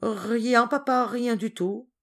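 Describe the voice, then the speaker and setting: A woman's voice: medium pitch, expressive, normal speed, natural voice. A woman voicing a spoiled, arrogant young boy who gives orders and sneers. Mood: flustered. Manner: commanding, sneering.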